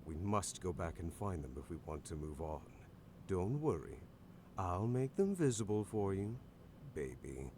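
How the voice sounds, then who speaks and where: A man's voice: sits low, sing-song, a little slow, mellow, slight background noise. A man playing a smug, flirtatious talking demon book in a video game, speaking formally and theatrically as a grandiose magical companion. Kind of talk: video game character acting.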